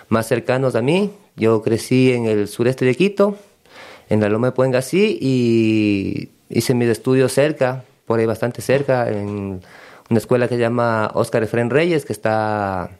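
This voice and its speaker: Ecuadorian man, low voice, hesitant, relaxed interview guest. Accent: Ecuadorian Spanish. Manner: relaxed, hesitant, many fillers. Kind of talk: casual interview.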